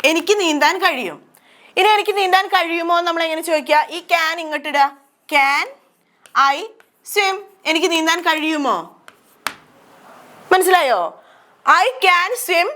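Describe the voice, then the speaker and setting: Malayali lady teacher explaining grammar, high voice, keeps asking then answering herself. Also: moderate pace, pauses often, pushed and bright. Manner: repeats questions and answers them herself. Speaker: English teacher.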